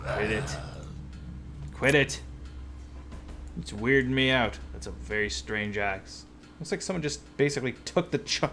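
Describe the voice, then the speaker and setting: A man doing casual video game commentary, excitable and jokey, yelling at enemies as he plays. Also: mid-range voice. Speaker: let's play host.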